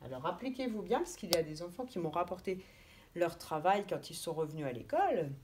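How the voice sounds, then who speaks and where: Speaking slowly and clearly, a preschool teacher sounds out letters and gives gentle instructions to young children. Her voice is fairly low in pitch but swings widely.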